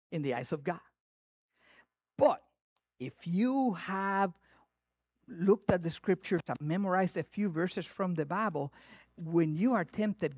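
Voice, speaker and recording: This pastor, a man with a Latin American Spanish accent, gives a spirited sermon in a voice that runs high for a male. The sound is close and dry, with no room sound at all. He keeps things playful and animated, trading loud, punchy emphasis for quiet, hushed asides.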